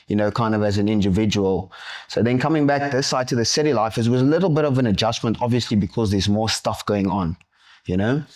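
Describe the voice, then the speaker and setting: A man's voice: on the low side, darkish tone. A young man with a South African accent, a professional MMA fighter talking easily about his past and calling his interviewer "coach" throughout. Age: young adult. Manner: easygoing, keeps addressing his interviewer as coach. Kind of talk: podcast interview.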